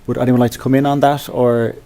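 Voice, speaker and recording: Man chairing, mid-pitched voice. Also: flat delivery, fast talker, warm tone. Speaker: event chair. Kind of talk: chairing a public discussion. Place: hotel function room at a public event.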